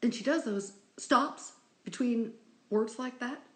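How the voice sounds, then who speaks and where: A middle-aged woman hosting a live stream from home, playfully reading odd words from a book and chatting, at times dropping to a whisper. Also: slow pace. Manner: playful, drifts into soft whispers and high exclaims. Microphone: phone.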